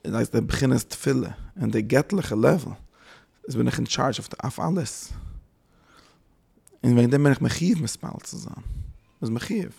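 A man giving a spoken religious lecture as a teacher, halting and searching for words, often dropping in English terms. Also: mid-range voice, animated, gravelly, a little mellow, slightly rough.

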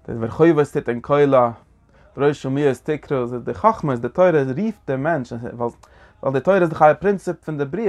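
Gravelly-voiced man giving a halting lecture. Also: medium pitch, a little mellow. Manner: halting, repeats and restarts phrases. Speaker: teacher. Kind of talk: religious text lecture.

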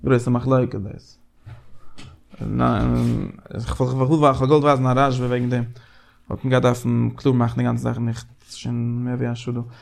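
A man leading a casual Talmudic study discussion, animated and repeating phrases as he thinks aloud. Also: mid-range voice, moderate pace, vocal fry.

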